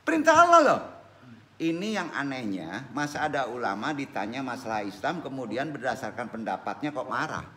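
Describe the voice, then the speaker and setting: A man's voice: mid-range voice, a little fast. A man giving an informal Islamic study talk as a religious teacher, often putting questions to his listeners. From West Sumatra, Indonesia. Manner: animated, questioning the audience.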